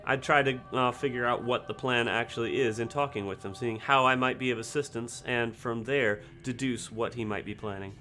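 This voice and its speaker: A man at a tabletop game explaining his approach in earnest, laughing between points. His voice is bright and forward, mid-pitched, with faint music underneath. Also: fairly even intonation, normal speed, hardly any pauses. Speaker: player.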